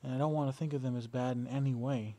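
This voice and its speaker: Lying down at home, a young man talks at a quick pace in a mid-range voice, filming a casual video diary on a battery-powered camera. His delivery is relaxed yet hesitant, riddled with fillers and restarts.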